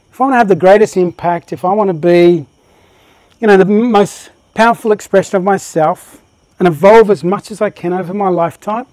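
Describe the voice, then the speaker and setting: A man's voice: sits high, darkish tone, no echo. A man giving a live motivational presentation to an audience, talking with passion and energy. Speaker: workshop presenter.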